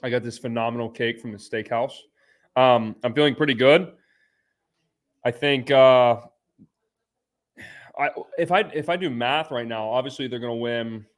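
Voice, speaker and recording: Male livestream host, medium pitch, informal, blunt, off-the-cuff chat. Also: normal speed, long pauses. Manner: informal, blunt, bro-style slang. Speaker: live stream host. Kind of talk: casual unscripted live stream chat.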